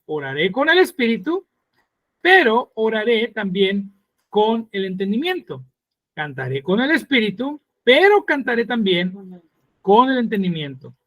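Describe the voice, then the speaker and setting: A male pastor teaching a sermon, earnest and explaining slowly with pauses. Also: fairly bright tone, no echo. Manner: mimics mocking voices in a higher pitch.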